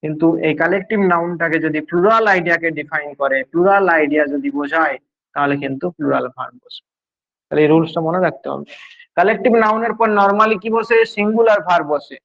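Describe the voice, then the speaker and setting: A male teacher giving a grammar lesson, explaining slowly, repeating key points and quizzing his students. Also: a little high, a bit bright, dull audio.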